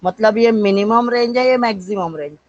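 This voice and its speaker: An Indian man with an Indian accent teaches physics in a live online class, posing questions and answering them himself. He slows down to dictate English definitions and calls on students by name. His voice sits high, and the dry recording has its highs cut off.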